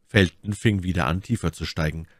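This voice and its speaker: A man reading a classic novel aloud as a narrator, with expressive, dramatic narration. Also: deep voice, brisk, no echo, studio quality. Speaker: audiobook narrator.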